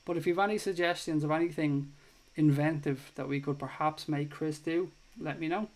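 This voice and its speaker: A man's voice: fairly high pitch, steady tone, moderate pace. An Irish man in his thirties hosting a casual live football chat stream, reading viewer comments and swearing now and then. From Ireland. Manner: chatty, swears casually, thanks viewers warmly.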